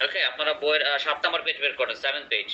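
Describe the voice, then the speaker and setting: A man's voice: fairly high pitch, rapid-fire, bright, forceful tone, lo-fi sound, slight background noise. A man teaching an online English pronunciation class in a conversational way, often checking in with his students.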